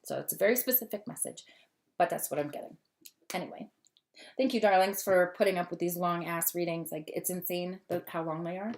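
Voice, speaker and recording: A woman doing a casual tarot reading to camera, talkative and long-winded, gushing and easily excited. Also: lowish voice, a little fast, slight background noise. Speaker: tarot reader.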